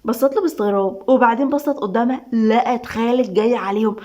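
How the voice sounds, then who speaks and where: A woman's voice: on the high side, fast talker, warm tone. A woman with an Egyptian Arabic accent, reading a romance story aloud as its narrator.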